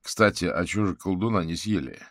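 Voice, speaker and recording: A man voicing a calm, thoughtful sorcerer detective who speaks dryly and evenly. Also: low voice, brisk, gravelly, no room sound, studio quality, full character voice.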